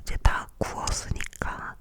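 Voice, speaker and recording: This young woman, an ASMR video creator, talks about her life in a breathy, unvoiced whisper with her mouth near the microphone. Words are repeated slowly so they become soft triggers.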